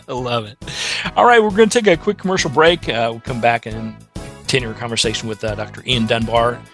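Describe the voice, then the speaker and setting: A male radio host with a mid-range voice, upbeat and enthusiastic as he talks with a guest and reads a promo. Faint music plays softly behind him. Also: mid-range voice. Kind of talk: radio interview and promo read.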